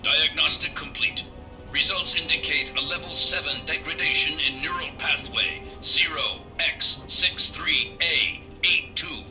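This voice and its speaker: For video game dialogue, a man plays a male robot field medic that keeps glitching, delivering flat, clinical error reports through a robotic voice filter. He speaks in a fairly high pitch, a little slowly, recorded from a distance. Faint music plays behind the poor-quality audio.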